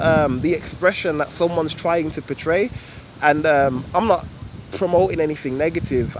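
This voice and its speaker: A man giving an informal, repetitive explanation to camera, often tagging phrases with a slangy address. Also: a little high. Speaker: video tutorial presenter. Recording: loud outdoor ambient noise.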